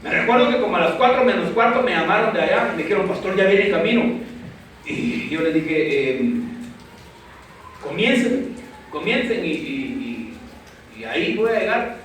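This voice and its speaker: A man preaching as a pastor, telling an emotional story that climbs high and at times breaks into shouts. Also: lively intonation, normal speed, recorded from a distance, slight background noise. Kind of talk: sermon. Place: church hall. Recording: echoey church hall, from the mic.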